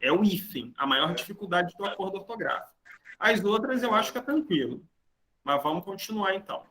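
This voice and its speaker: A man's voice: sits high, lively intonation, brisk, bright, forceful tone, slight background noise. A man teaching a grammar lesson to a class, explaining rules step by step and often checking that students are following. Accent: Brazilian Portuguese. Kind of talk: online grammar lecture.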